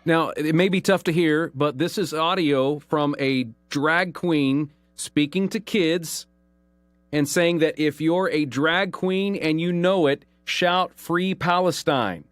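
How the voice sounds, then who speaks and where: A man's voice: on the high side, dry recording, soft background music. Earnest male talk radio host. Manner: earnest, emphatic, slows down to stress key phrases. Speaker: radio call-in show host. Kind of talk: talk radio commentary, reading headlines.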